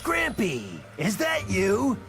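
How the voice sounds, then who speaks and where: An actor playing a childish, cheeky comic antihero in a video game, clownish and teasing in mock innocence. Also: male voice, sits high, very animated, slow, gravelly, crowd noise, exaggerated voice.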